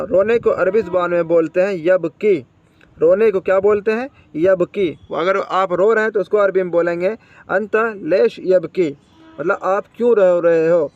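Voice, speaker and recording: A man's voice: high-pitched, a little mellow, no room sound, dull audio. A man teaching spoken Arabic vocabulary, repeating each word and quizzing the listener.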